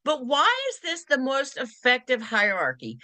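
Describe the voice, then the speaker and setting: Lively bright-voiced woman teaching agents. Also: high-pitched, moderate pace, dry recording. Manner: lively, acts out quoted lines in varied voices. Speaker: real estate trainer. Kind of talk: continuing education class talk.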